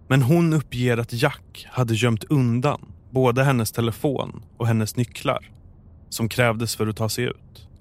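A man narrating a true crime story in a calm, measured, scripted way. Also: medium pitch.

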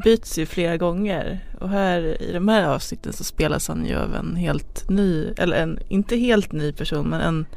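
A woman's voice: lowish voice, creaky, hardly any pauses, a little mellow. A woman co-hosting a casual podcast, chatty and keen on trivia. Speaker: podcast co-host.

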